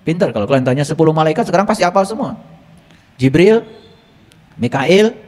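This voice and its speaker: A man's voice: a little high, animated, racing, a little mellow. A male religious teacher gives a teaching lecture, teasing his listeners with rhetorical questions. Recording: long reverb from a hall.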